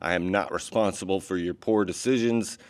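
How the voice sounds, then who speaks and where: A middle-aged man from the United States talks straight to the camera in a casual vlog, earnest and emphatic. His voice sits fairly low, and he is a bit winded from carrying a tripod. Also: steady tone, normal speed, smooth, dry recording. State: out of breath, walking with a tripod. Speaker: vlogger.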